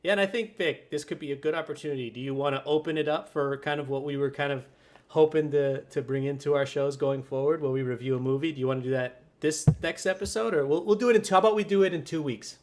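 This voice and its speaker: A man hosting a casual sports podcast, talking fast in an easygoing way. He keeps the conversation moving and steers it toward the next topic. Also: fairly high pitch. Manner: quick, easygoing, steers the show. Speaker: podcast host.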